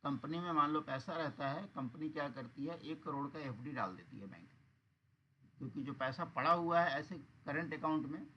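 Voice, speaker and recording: A man's voice: fairly high pitch, normal speed, lo-fi sound, slight background noise. Man teaching an online accounts class. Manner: patient explaining, asks students rhetorical checks.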